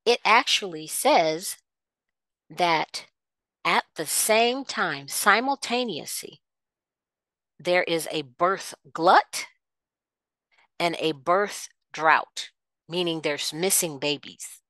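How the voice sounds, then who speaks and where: A woman's voice: on the low side, takes it slowly, pauses often, fairly bright tone, dry recording. A woman hosting a solo podcast, ranting with passion, repeating herself and firing rhetorical questions. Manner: impassioned, repetitive, rhetorical questions. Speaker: podcast host. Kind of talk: solo opinion rant.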